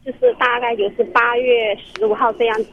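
A woman's voice: on the high side, level tone, fairly quick. A woman calling in to a radio counseling show, telling her story in an earnest, rambling way with many restarts, heard over a phone line. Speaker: caller. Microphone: telephone.

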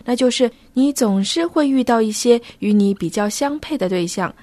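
Measured female radio co-host, dry studio. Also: fairly high pitch, expressive, mellow, no echo.

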